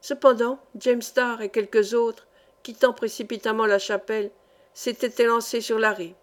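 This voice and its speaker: Slightly high-voiced woman reading a novel. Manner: measured, expressive reading that rises for shouted lines. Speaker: audiobook reader. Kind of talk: literary audiobook narration.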